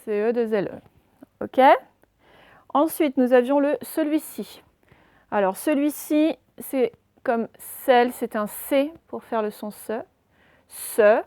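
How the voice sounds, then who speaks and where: A woman teaching a dictation lesson, slowly spelling out words letter by letter for her pupils. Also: sits high, mellow, no room sound, studio quality. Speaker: primary school teacher.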